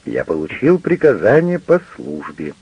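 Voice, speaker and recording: A man's voice: medium pitch, huge pitch swings, moderate pace, vocal fry, a little mellow, husky, no room sound, highs cut off, voice pushed up, heavily acted. A man doing a stubborn, defensive captain. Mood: sulky. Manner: sulky, then threatening.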